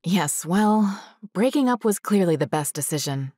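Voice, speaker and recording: A woman's voice: on the low side, expressive, normal speed, warm tone. A woman voicing a cool, guarded ex-lover. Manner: cool, distant and clipped. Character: guarded woman facing her former partner. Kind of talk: audiobook dialogue.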